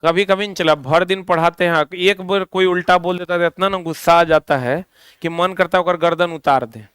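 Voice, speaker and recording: A man's voice: high-pitched, steady tone, normal speed, fairly bright tone, clear, resonant tone, no echo, clean studio sound. A man with a Bihari accent teaching a class, drilling students with repeated questions and scolding them. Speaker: coaching teacher. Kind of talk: classroom lecture.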